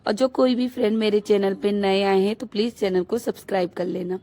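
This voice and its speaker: A young housewife rambles through a casual vlog outdoors on her rooftop, her voice hoarse and thick from a cold. She talks in a flat, even tone with a dark, mellow timbre. Her chat wanders along, padded with fillers. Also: mid-range voice, brisk. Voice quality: thick, husky voice. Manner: chatty, rambling, many fillers. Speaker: vlogger; housewife and mother.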